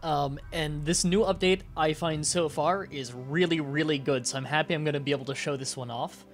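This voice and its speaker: On a live stream with music in the background, a man talks casually to his viewers, his fairly high voice nasal and congested beneath a nose strip. His intonation stays fairly even. He speaks haltingly, short of breath, pausing for air and clearing his throat.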